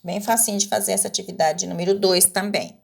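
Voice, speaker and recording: A woman teacher explaining a worksheet step by step in a patient, slow, explanatory way, stretching out example words and often checking in with a tag question. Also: medium pitch, vocal fry. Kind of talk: recorded Portuguese lesson walking through a worksheet.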